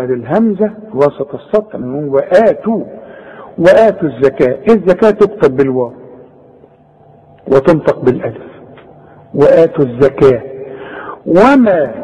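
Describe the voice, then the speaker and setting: A man's voice: a little high, mellow, breathy edge. A man with an Egyptian Arabic accent teaching Quran recitation rules, drilling sounds and correcting the pronunciation of mistakes in a chiding, hands-on way. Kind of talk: tajweed lesson with corrections. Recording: echoey, dull lo-fi tape recording.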